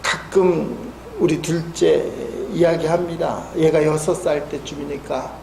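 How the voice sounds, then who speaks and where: A man in his fifties preaching a sermon as a pastor, telling stories and swinging from soft asides to loud emphatic peaks. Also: on the high side, steady tone, a little slow, gravelly, a little hiss or hum. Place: church sanctuary. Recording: echoey church hall.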